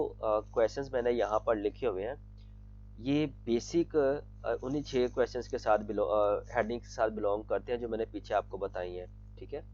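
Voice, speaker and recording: Man, patient teacher, repeats himself, slightly dull recording. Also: medium pitch. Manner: patient, repeats "theek hai" and calls students "bete". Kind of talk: explaining vocabulary lesson.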